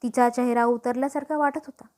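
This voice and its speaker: High-voiced woman storyteller. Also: steady tone, fairly quick, mellow. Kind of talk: scripted story narration.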